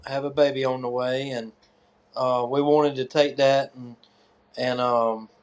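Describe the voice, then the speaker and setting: A man with a Southern US accent gives casual interview answers. His pitch is average, and he speaks haltingly, feeling his way through each thought. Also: level tone. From North Carolina, USA. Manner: hesitant, halting. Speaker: tractor pull competitor and track organizer.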